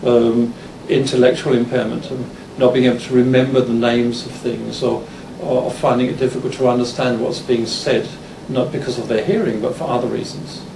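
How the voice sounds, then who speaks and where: With a gravelly mid-range voice and fairly even intonation, an English-accented lecturer in his fifties, born in England and from Denmark, addresses a conference. His speech is halting, peppered with restarts and fillers, captured in a roomy, distant recording with hall noise.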